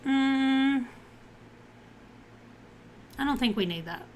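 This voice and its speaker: A woman hosting a casual live game stream, talking through her choices as she goes. Her voice sits a little on the high side. She drifts between reading options aloud and chatting with her viewers, with a faint hum of noise behind her. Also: expressive, very slow, a little mellow.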